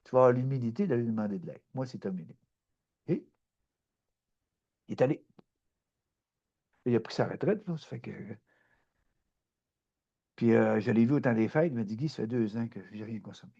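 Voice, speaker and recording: A middle-aged man with a Québécois French accent giving a spontaneous spiritual talk, animated and emphatic, often repeating himself. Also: medium pitch, normal speed, vocal fry, pauses often, highs cut off. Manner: animated, repetitive, swings between loud emphatic and soft. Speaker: spiritual speaker.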